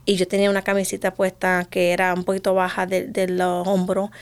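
A woman telling her own story in an interview, earnest and halting, often restarting her sentences and slipping in English words. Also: on the low side, monotone, clear, resonant tone. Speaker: guest sharing her story. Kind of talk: personal testimony in conversation.

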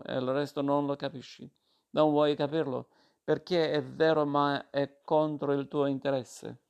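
A man voicing an angry, insistent young war veteran with a creaky voice. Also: medium pitch.

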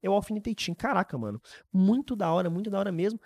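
A man in his early twenties with a Brazilian Portuguese accent, hosting a podcast in casual, animated, slangy chat. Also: high voice, fast, no echo, clean studio sound. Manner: animated, informal, heavy use of slang. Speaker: podcast host.

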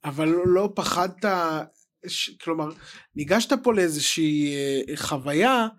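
A man's voice: fairly high pitch, animated. A young man with an Israeli accent, casually interviewing his family as a host. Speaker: podcast host, interviewing parents.

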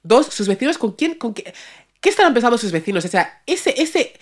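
A woman's voice: on the high side, big pitch swings, a little fast. A woman podcast host casually telling a personal story, chatty and slangy, dropping in English words.

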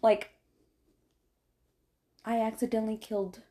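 A woman co-hosting a casual podcast chat with her partner, talking in an animated way and laughing between remarks. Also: on the high side, measured pace, background noise. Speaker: podcast co-host.

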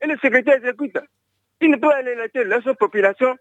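High-pitched guy on the phone to the radio, keeps restarting, dry and muffled. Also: quick pace, dry recording. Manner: rambling, stumbles with many restarts. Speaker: caller. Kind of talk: phoning in to a radio show.

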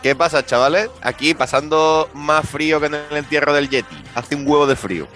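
A man's voice: on the high side, fairly quick, fairly bright tone, faint music behind. A man from Seville co-hosting a casual podcast over a video call, tossing out slangy jokes. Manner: jokey, slangy. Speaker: podcast co-host.

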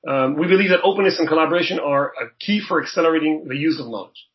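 A man from Israel with a slightly high voice explains his startup in an interview. He talks earnestly and keeps circling back, repeating words as he restarts his phrases. The audio is dull and lo-fi. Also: quick pace. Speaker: startup co-founder and CEO. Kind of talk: interview answers.

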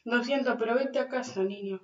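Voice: mid-range voice, brisk, muffled recording, close to an everyday voice. A reader voicing a stern grieving mother. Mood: tearful. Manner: curt and tearful. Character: grieving stern woman, mother of dead boy. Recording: roomy, from far off, faint noise.

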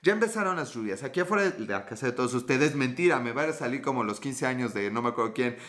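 Expressive and fast-talking, a man with a medium-pitched, slightly bright voice hosts a livestream podcast. His Mexican Spanish accent colors the casual chat as he reads viewer comments and fires back with teasing, flirty, profane banter.

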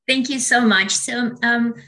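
A woman's voice: a little high, steady tone, unhurried, sharp tone, rough recording. Earnest woman, Spanish native speaker. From Ecuador. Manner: earnest, explanatory, with fillers and restarts. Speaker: audiologist guest. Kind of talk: interview.

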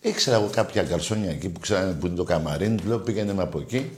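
A man's voice: low voice, reverberant, slight background noise. A man hosting a call-in radio show, telling stories animatedly and teasing callers. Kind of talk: casual call-in radio chat.

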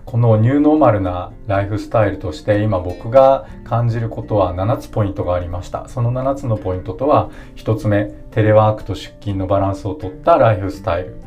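A man hosting a solo podcast, explaining his points one by one in a calm, polite way. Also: on the low side, fairly quick, faint music behind. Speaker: podcast host.

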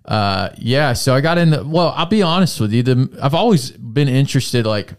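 A man's voice: medium pitch, lively intonation, normal speed. A man in his twenties hosting a podcast, rambling and joking in casual chat and laughing often. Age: 20s. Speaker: podcast host.

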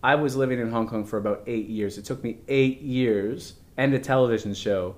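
A man's voice: mid-range voice, brisk, darkish tone. Easygoing male podcast host. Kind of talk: casual interview.

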